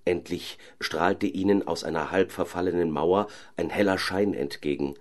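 A man calmly narrating a fairy tale audiobook. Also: low-pitched, moderate pace.

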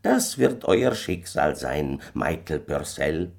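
A man voicing a sinister little old stranger from a fairy tale, speaking slowly and insistently in a raised voice. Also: very animated, creaky, darkish tone, heavily acted. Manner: slow, high, insistent pleading.

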